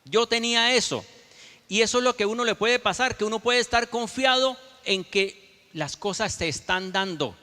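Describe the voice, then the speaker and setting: A male pastor preaching a story-driven sermon straight to his congregation. His voice sits high and comes across bright and forceful. The sound rings with a long hall reverb. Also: normal speed. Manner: storytelling, addresses the congregation as brothers.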